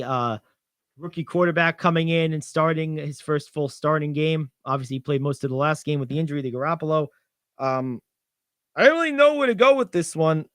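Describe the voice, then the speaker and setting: Young guy hyped about football picks on a radio show, bit high voice, dry mic. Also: smooth, no room sound. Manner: animated, gets louder when excited, many "I think"s. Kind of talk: sports betting talk.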